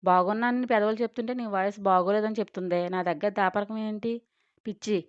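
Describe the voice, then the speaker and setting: A woman's voice: medium pitch, fairly even intonation, fast, clean tone, no echo, natural voice. A woman reading as a blunt, teasing best friend. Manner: loud scolding chatter, then soothing advice. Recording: dull lo-fi dry recording.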